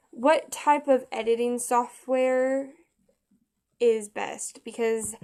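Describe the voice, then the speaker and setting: Woman walking thru a craft tutorial, kinda high voice, chatty n halting, lots of restarts. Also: darkish tone. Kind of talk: casual step-by-step craft tutorial.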